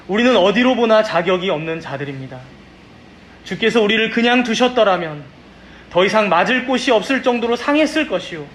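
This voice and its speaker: A man, a pastor, leading his congregation in a slow, reverent, formal prayer during a Sunday service. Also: sits high, a bit bright, a little hiss or hum. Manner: measured, reverent, formal church diction. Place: church sanctuary.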